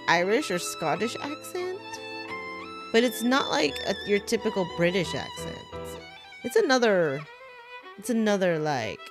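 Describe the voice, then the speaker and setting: Chatty young woman streaming a game. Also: medium pitch. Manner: chatty, excitable, reacts with "oh my God". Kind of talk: casual game commentary and reading aloud. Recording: game music loud behind her voice.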